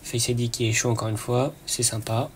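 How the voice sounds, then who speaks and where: A man hosting a casual screen-recorded tech tutorial, relaxed and chatty, often pausing with fillers and a quick "hop" as he clicks. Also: medium pitch, a little hiss or hum.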